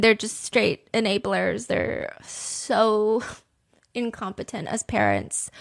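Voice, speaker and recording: Casting: woman true crime host, animated and indignant, slightly high pitch, lots of "like". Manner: animated, indignant storytelling, many "like" fillers; reads out text messages aloud. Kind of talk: casual true crime chat.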